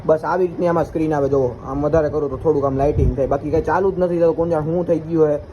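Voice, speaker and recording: Young man, Gujarati accent, casual vlog chat, slightly high voice, noisy background. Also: steady tone, rapid-fire, dull audio. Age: young adult. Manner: chatty, addresses viewers as guys. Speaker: vlogger.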